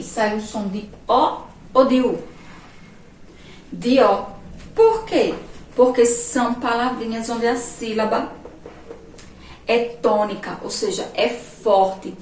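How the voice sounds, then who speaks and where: Slow, patient woman teacher in an echoey room. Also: a little high. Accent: Brazilian Portuguese. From Brazil. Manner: slow, patient, asks questions often. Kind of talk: remote lesson for young children. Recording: roomy echo, distant mic, faint noise.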